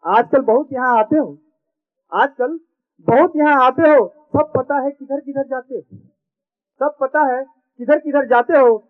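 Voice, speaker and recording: A man's voice: very high-pitched, unhurried. A man voicing a nosy male CCTV camera that scolds in sing-song rhymes and repeats each warning twice, on a tinny recording. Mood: teasing. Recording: tinny phone-like sound.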